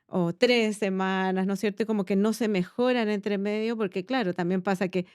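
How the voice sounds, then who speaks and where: A woman's voice: mid-range voice, steady tone, normal speed, darkish tone, clear, resonant tone, dry recording. Chilean woman pediatrician, dry close sound. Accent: Chilean Spanish. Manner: explains patiently, frequent tag questions. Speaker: pediatrician, podcast host. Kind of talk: casual medical chat.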